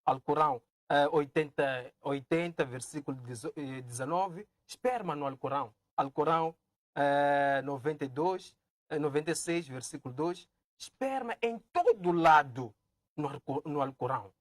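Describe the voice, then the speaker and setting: A man moderating a religious debate and putting halting questions to the guests. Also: on the high side, no echo. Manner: frequent short acknowledgments, halting questions.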